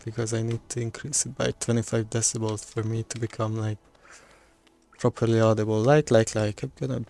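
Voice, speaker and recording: A man's voice: medium pitch, creaky, warm tone. A man giving casual gameplay commentary into a desktop microphone, rambling and often stumbling over and correcting his words. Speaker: gamer playing on a recording.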